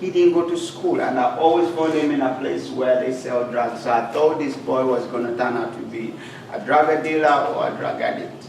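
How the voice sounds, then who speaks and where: A man's voice: mid-range voice, moderate pace, gravelly, a little mellow. A man from Uganda, a guest speaker telling his life story in an earnest, plain-spoken way. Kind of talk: personal life story talk. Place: club meeting room. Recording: echoey hall, far from mic, noisy.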